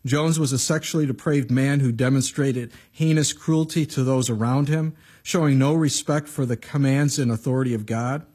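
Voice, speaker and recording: A man's voice: medium pitch, steady tone, normal speed, a little mellow, slightly rough. A man preaching an earnest, direct Bible sermon as pastor, speaking into a pulpit microphone.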